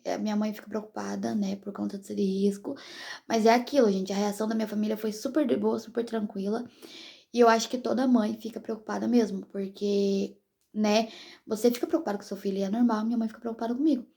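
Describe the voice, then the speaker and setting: A woman's voice: on the high side, gravelly, a little mellow. A young pregnant woman from Brazil chatting casually to her viewers as a vlogger, in a rambling, direct way.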